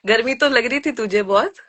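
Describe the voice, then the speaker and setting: A young woman joining a friend's live stream for a casual chat, teasing and animated and quick to laugh. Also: fairly high pitch.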